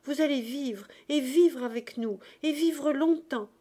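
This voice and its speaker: A woman's voice: sits high, a little slow, dark tone, voice pushed up. A woman reading the part of an earnest young man, urgently pleading in a raised voice. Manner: insistent, raised voice.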